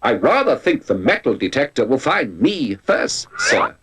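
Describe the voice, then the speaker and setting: A man's voice: mid-range voice, sing-song, measured pace, background noise. A man voicing a polite, long-suffering male robot butler who talks in a formal, dry way and calls his master sir.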